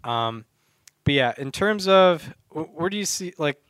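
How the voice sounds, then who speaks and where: A man co-hosting a laid-back sports podcast, his voice smooth and clear. He talks hesitantly, full of ums and restarts, recorded on a dry, close mic with no room sound. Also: a little high, lively intonation, a little slow, fairly bright tone, dry recording. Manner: hesitant, many fillers and restarts. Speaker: podcast co-host. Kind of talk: casual sports chat.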